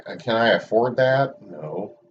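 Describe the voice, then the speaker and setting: Low-voiced Oklahoma man with an Okie accent. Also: lively intonation, measured pace. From Oklahoma, United States. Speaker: sports livestream commentator. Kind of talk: casual rambling chat during a match stream. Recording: muffled, distant mic with background noise.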